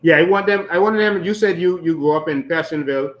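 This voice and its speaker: A man's voice: fairly high pitch, fast. A man hosting an interview who reacts often with "wow" and "yeah" and asks pointed follow-up questions. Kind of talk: casual interview conversation.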